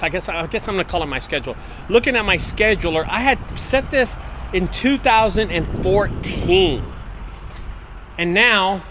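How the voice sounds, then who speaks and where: A man's voice: high-pitched, fairly bright tone. Earnest man in his forties vlogging. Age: 40s. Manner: earnest, repetitive motivational pep talk. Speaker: business owner vlogger. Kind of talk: casual walk-and-talk vlog. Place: outdoors and in a large empty warehouse. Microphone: wireless earbud mic, handheld camera. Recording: faint outdoor noise.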